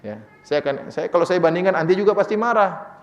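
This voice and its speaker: A quick-talking man preaching in a sermon Q&A, his slightly raised voice ringing in a long reverberant hall. He moves briskly, acting out little bits of dialogue. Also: high-pitched, lo-fi sound. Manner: lively, acts out quoted dialogue, chuckles. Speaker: preacher answering questions.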